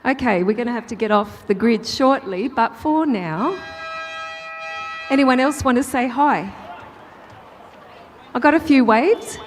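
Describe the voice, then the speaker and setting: A woman's voice: on the high side, lively intonation, a little slow, pauses often, a little hiss or hum. A woman doing chatty, upbeat live interviews out on a race track grid. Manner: chatty, upbeat, talks over the crowd. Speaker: grid reporter.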